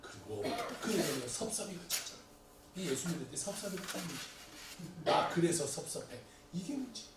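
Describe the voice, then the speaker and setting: A high-voiced male pastor preaching a Sunday sermon, rising to loud pleas and dropping to quiet asides. He is recorded from a distance in a very echoey church sanctuary. Faint room noise sits under his voice. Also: animated, a little fast.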